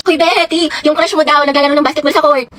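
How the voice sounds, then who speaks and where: High-voiced teasing woman. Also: steady tone, fast talker, noisy background. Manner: playful, teasing. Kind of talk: comedy skit acting. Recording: music playing behind.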